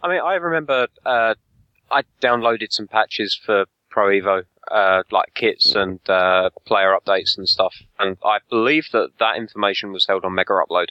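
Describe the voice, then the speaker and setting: A man's voice: fairly low pitch, moderate pace, no echo, dull audio. A man co-hosting a casual podcast chat, jokey and hesitant, with lots of ums and restarts. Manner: hesitant, many fillers, jokey. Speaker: podcast co-host.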